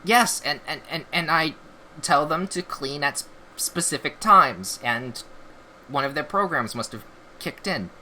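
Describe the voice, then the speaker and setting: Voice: mid-range voice, animated, unhurried, bright, forceful tone, a little hiss or hum. A game master voicing a nervous male mayor who stammers and hesitates in a tabletop game role-play. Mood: flustered.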